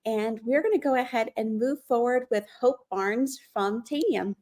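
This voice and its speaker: A woman with a fairly high voice moderates an online event as host. She sounds upbeat and encouraging, keeping it casual. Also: moderate pace, a little mellow. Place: online video call.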